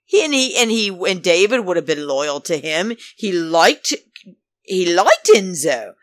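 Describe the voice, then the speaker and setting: A reality show commentator chats casually about a show in a lowish, very animated but unhurried voice, rambling, calling her listeners darlings, and acting out what others said. There is no room sound.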